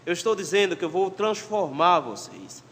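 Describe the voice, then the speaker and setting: A male pastor with a Pernambuco accent, preaching an animated sermon and acting out lively dialogue. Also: high voice, moderate pace. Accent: Pernambuco Portuguese. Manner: animated, voicing God and a father in folksy dialogue. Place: large church sanctuary. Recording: church hall reverb.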